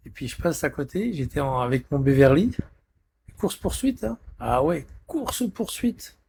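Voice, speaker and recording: A man's voice: on the high side, big pitch swings, moderate pace, vocal fry, a little mellow, slight background noise. A man in a rambling live stream chat, irritable and swearing constantly, talking from a friend's apartment.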